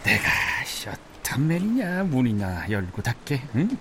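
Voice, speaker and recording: A middle-aged man playing a boastful, grumbling father in a radio drama, quick to shout. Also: mid-range voice, wildly swooping pitch, noisy background, full character voice. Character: blustering, idle middle-aged dad.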